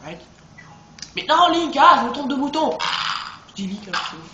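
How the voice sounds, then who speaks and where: A man chatting excitedly to viewers as he plays through a video game. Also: very high-pitched, a little fast, reverberant, lo-fi sound, a little hiss or hum. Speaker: let's play host. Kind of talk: gameplay commentary.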